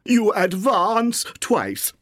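A slow, wistful mock turtle. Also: mid-range voice, sing-song, fairly bright tone, no echo, clean studio sound, pitched above the performer's own voice, heavily acted. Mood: excited. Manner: drawn-out, wistful, theatrical. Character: old, mournful, sentimental male mock turtle creature. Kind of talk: children's audiobook character voice.

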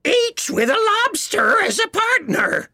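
Excitable storybook gryphon creature, raspy and sharp, pitch swooping wildly. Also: slow pace, no echo, studio quality, heavily acted. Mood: wildly excited. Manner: excitable, interrupting, exclaiming. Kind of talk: children's audiobook character voice.

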